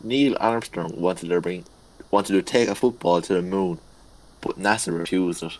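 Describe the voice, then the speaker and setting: A young man co-hosting a casual podcast chat, halting and tripping over his words as he reads out facts. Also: low voice, poor audio. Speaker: podcast co-host. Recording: faint background noise.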